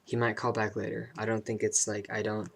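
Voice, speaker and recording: A young man talking casually and introspectively about personal matters in a vlog, halting and searching for his words. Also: fairly low pitch, level tone, vocal fry. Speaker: vlogger.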